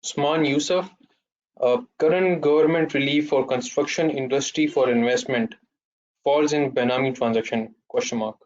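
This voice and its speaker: A man's voice: mid-range voice, steady tone, moderate pace. A man with a Pakistani accent reading audience questions aloud as moderator of an online session. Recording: slightly muffled online call audio.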